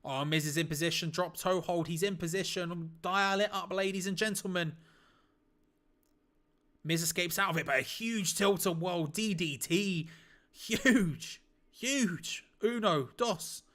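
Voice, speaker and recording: An excitable man calling wrestling live for his stream, his voice sitting a little higher than most men's. He talks casually and bluntly, throws in the odd mild swear, and jumps up in volume when a big move lands. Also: normal speed. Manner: excitable, breaks into shouts at big moves. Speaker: watch-along streamer. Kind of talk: live play-by-play reaction commentary.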